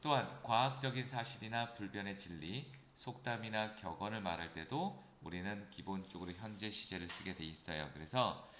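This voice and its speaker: A man teaching an English grammar lesson, explaining step by step and often checking in with his students. He slows down to read English example sentences aloud. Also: on the low side, a bit bright, reverberant, slight background noise. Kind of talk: recorded classroom lecture.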